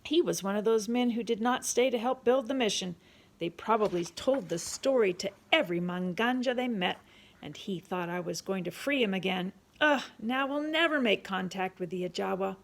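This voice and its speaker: An earnest, determined doctor-explorer, read by an older woman in a storybook. He reasons calmly and pleads for peace. The voice has a gravelly edge at an ordinary middle pitch. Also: normal speed. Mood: frustrated.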